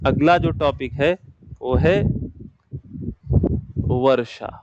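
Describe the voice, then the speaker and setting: A man's voice: on the high side, unhurried, muffled recording, very noisy. A man teaching a geography class, speaking patiently and in a fatherly way to students who have just joined. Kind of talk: classroom lecture.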